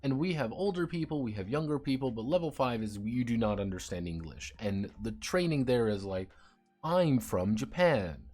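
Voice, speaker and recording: A man's voice: mid-range voice, animated, moderate pace, darkish tone, soft background music. A man streaming and chatting casually, rambling, swearing and sardonic about his teaching job.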